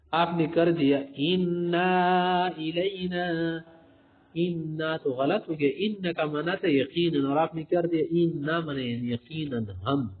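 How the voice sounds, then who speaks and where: A man gives a tajweed lesson, working through spoken examples and calling his listeners respected sirs. His voice sits a little high. The sound is thin and tinny, as if heard over a phone line. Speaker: Quran recitation teacher.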